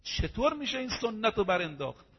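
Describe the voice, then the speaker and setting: High-voiced male preacher, hall echo. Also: slightly rough. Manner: animated, addresses listeners directly. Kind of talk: storytelling sermon. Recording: dull reverberant hall recording.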